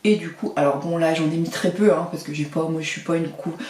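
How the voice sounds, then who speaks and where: A woman with a deep, darkish voice talks fairly quickly through a casual makeup tutorial, chatty and playful with little sing-song asides. She's a beauty vlogger, recorded in an echoey room with the mic set back at a distance.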